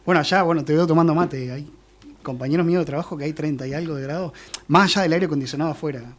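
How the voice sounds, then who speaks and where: An Argentine man in his forties, a musician guest chatting casually with relaxed slang and fillers in a radio studio. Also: on the high side, rapid-fire. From Argentine Patagonia. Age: 40s. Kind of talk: casual interview chat.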